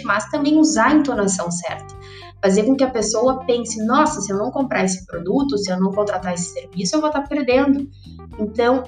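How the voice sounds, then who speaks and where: A woman gives public speaking advice in a relaxed, conversational manner, often turning to her audience with a quick check-in. Her voice sits in the middle range for a woman. The room rings with a noticeable echo, and soft guitar music plays faintly underneath. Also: mid-range voice. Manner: conversational, often tags "né?" and addresses viewers directly. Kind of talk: casual instructional talk.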